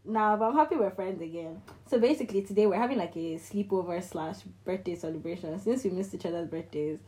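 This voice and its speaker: A young woman vlogging in a casual chat with a friend, telling stories in an animated way and laughing often. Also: on the low side, fast.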